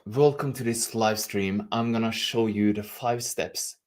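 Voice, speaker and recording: With a Norwegian accent and Norwegian as his native tongue, a man from Norway hosts a live stream as a life and leadership coach, speaking casually and affectionately to camera. His voice is lowish and measured, the intonation fairly even, with slight background noise.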